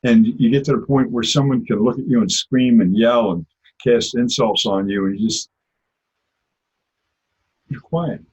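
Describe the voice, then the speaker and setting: A man's voice: medium pitch, fairly even intonation, unhurried, pauses often, a little mellow, husky. A man teaching an informal religious class, talking in a conversational way and telling personal stories. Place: lives in Israel. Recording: dull lo-fi recording.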